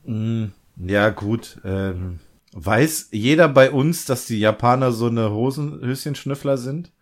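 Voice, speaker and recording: A man's voice: medium pitch, takes it slowly. A man chatting casually about a film, wry and speculative in his remarks.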